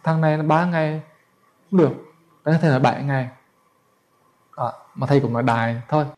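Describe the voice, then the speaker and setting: A man's voice: mid-range voice, a little fast, a little mellow. A man, a Buddhist monk telling a story as a sermon in a colloquial, chatty way. He stumbles over repeated words and speaks straight to his listeners.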